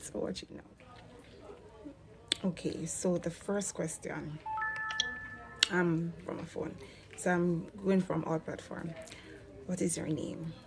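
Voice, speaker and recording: A woman's voice: fairly low pitch, gravelly, darkish tone. A Jamaican woman in her thirties chatting casually through a Q&A vlog, slipping into patois now and then. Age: 30s. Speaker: vlogger.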